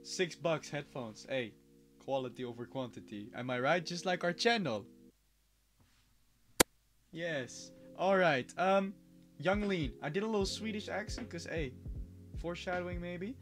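A man's voice: fairly high pitch, expressive, moderate pace, long pauses, fairly bright tone, faint music behind. A young man hosting a casual reaction video, joking and rambling with frequent restarts. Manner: joking, rambling, self-interrupting. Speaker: host.

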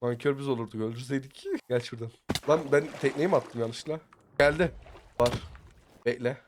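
A man chatting with teammates over voice chat while playing a survival game, slangy and excitable, sometimes muttering quietly and sometimes breaking into shouts. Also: medium pitch, moderate pace, a little hiss or hum. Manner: excitable, slangy, bursts into shouting when attacked; often mutters quiet asides. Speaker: gaming YouTuber. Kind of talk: casual gameplay chat with teammates.

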